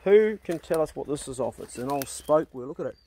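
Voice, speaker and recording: A man's voice: fairly high pitch, expressive, brisk, vocal fry, warm tone, breathy edge. A middle-aged man with a broad New Zealand accent chatting casually as a vlog host, laid-back and slangy. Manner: laid-back slangy talk, ending with "eh" and "bro". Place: outdoors on rural land. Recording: noisy outdoor ambience.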